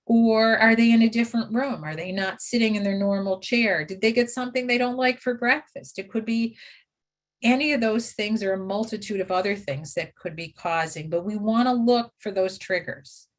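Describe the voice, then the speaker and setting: Woman, caregiver trainer, webinar lecture, instructive, steady lists of do's and don'ts. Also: a little high, moderate pace.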